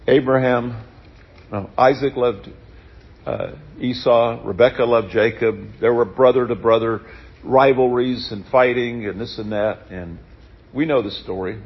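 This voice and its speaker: A man preaching in a church with a very husky, breathy voice. He reads scripture, then drops into easygoing, folksy asides. The recording sounds dull and lo-fi. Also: medium pitch, fairly even intonation, measured pace. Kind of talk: sermon.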